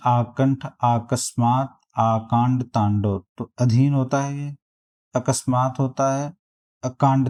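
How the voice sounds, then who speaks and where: A man teaching a spelling lesson, reading out quiz options and repeating each word slowly to compare them. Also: medium pitch, mellow. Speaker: exam prep teacher.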